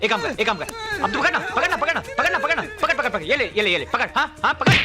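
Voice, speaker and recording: A man's voice: very high-pitched, very animated, racing. An actor playing a brutal male gangster in a Hindi film, menacing and barking short orders. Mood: taunting. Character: brutal mocking male gangster, bullying and loud. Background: film score music.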